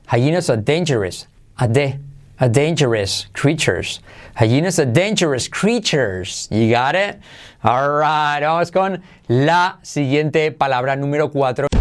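A man from who speaks natively, teaching English pronunciation on a podcast, playfully repeating words slowly. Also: fairly high pitch. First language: Spanish. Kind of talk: podcast lesson.

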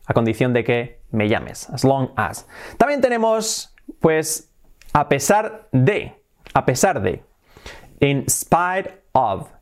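A young man with a Spanish accent, a native Spanish speaker, gives a casual video lesson, mixing Spanish explanations with slow, repeated English examples. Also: mid-range voice. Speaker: English teacher.

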